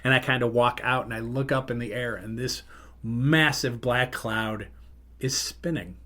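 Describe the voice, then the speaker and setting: A man's voice: mid-range voice, a little slow, sharp tone. A middle-aged man hosting a podcast, telling a rambling, self-interrupting road-trip story in casual chat. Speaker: podcast host.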